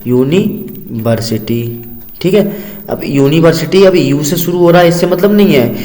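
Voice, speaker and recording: A man's voice: on the high side, fairly quick, warm tone. Hindi-speaking man teaching in an echoey room. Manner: asks questions and answers them himself; calls the listener "beta" fondly. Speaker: English teacher. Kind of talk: classroom-style lesson. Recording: echoey room with long reverb.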